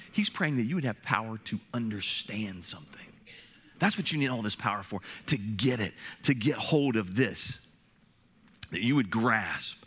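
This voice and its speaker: A middle-aged man preaching a sermon to his church, animated and expressive, often restarting his phrases as he builds a point. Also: mid-range voice. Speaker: pastor.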